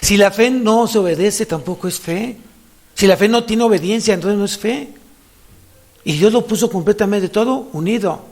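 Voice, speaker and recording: A man with a Mexican Spanish accent preaching as a pastor in a church, animated, repeating phrases for emphasis. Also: high voice. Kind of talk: sermon.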